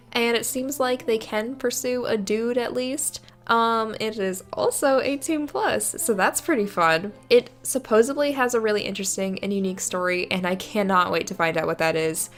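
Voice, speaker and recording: Over background music, a young adult woman video creator gives casual, informal commentary on games, chatty and enthusiastic. Her voice is fairly high-pitched with a fairly bright tone.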